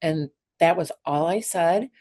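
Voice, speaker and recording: A middle-aged woman, a podcast guest, telling a personal story earnestly, halting with many fillers. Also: fairly low pitch, warm tone.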